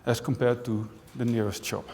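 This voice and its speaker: A man from the Netherlands gives a talk to a room full of people, chatty and wry, and he keeps checking in with the crowd. His voice sits at an ordinary pitch. A long reverb from the large auditorium trails behind every phrase. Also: moderate pace. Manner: lively, conversational, with dry jokes and frequent "right?". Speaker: university professor and speaker. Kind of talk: conference talk to an audience.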